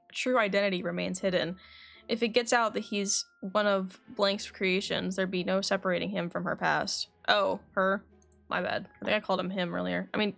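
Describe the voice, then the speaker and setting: Her voice is mid-range, gravelly, and a little bright. Streaming a game, she reads the lines out loud with offhand remarks, fixing her own slips along the way.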